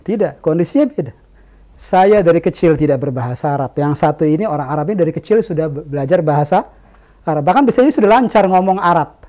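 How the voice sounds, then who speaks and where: An Indonesian man teaching a religious study class, pressing his listeners with one rhetorical question after another in an emphatic, animated way. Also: fairly high pitch, fast talker. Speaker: Islamic teacher.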